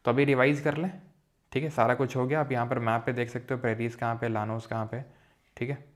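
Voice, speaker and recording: A man teaching geography in an easygoing, chatty way. He keeps explaining with jokes and memory tricks, and he drops English terms into his sentences. His voice sits at a middle pitch for a man. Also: little pitch movement, brisk. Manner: casual, mixes English terms into Hindi speech. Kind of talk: recorded geography lecture.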